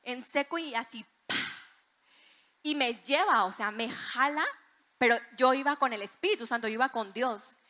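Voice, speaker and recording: A woman's voice: fairly high pitch, moderate pace. A woman preaching a sermon and telling her own testimony, acting out voices as she tells the story. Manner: animated storytelling, acts out voices in quotes.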